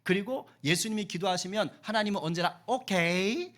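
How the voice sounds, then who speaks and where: Animated, high-voiced playful pastor. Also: male voice, normal speed. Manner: playful, questions and teases the children. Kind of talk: children's sermon.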